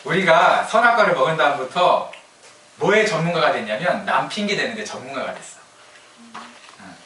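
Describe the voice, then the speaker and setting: A man's voice: fairly high pitch, animated, moderate pace, pushed and bright, slight background noise. A male pastor giving a casual, conversational sermon, often asking the congregation questions and laughing at his own jokes. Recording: echoey hall, mic at a distance.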